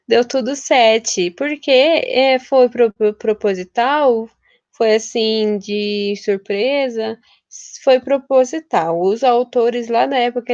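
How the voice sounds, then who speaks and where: A woman's voice: fairly high pitch, darkish tone, no room sound. A young woman from Brazil teaching a casual literature lesson, chatty and informal, often restarting her words. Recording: dull, lo-fi and dry.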